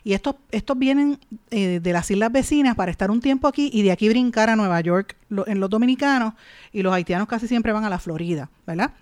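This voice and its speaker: A woman's voice: medium pitch, a little fast, a little mellow. Puerto Rican woman giving conversational political commentary. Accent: Puerto Rican Caribbean Spanish. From Puerto Rico. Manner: rhetorical questions and frequent tag questions to the audience. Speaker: radio or podcast host and columnist.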